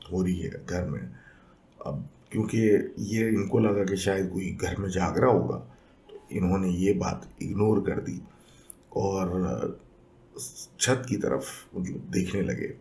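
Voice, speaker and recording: A man narrates listener-sent stories as a podcast host. His voice sits low and warm, and he talks in an unhurried, conversational way, slipping English phrases into his telling. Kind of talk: casual storytelling narration.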